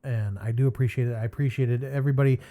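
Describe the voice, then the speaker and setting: A man's voice: mid-range voice, fairly even intonation, fast, dark tone. A man hosting his own channel and reading viewer comments in a casual, rambling way, with many fillers, sighs and chuckles.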